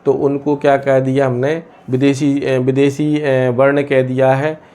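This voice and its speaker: A man teaching a lesson from India, pausing often and asking questions he then answers himself. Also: medium pitch, flat delivery, mellow. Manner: asks and answers his own questions, many hesitations. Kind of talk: explaining a lesson.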